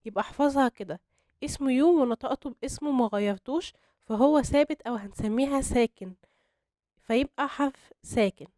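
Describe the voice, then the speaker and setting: A young woman with an Egyptian Arabic accent teaching English grammar to beginners, explaining step by step and slowing down on her examples. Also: sits high, mellow, no echo, studio quality. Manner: patient, step-by-step explanation with slow spelled-out examples.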